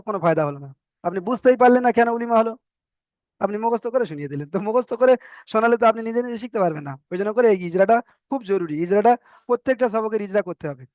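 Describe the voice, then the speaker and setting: A man teaching on a video call, with a high voice and quick delivery. He drills each point again and again. The sound is dry and dull, with the lo-fi quality of an online meeting. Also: darkish tone, no echo. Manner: repetitive drilling explanation. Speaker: Quran reading teacher. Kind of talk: online class lesson.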